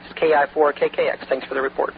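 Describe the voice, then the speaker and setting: A man running a storm-spotter radio net, calling stations and reading weather warnings in brisk procedural radio style with frequent "uh" fillers, heard over a two-way radio with static. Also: fairly high pitch, little pitch movement. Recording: narrow radio transmission with faint static.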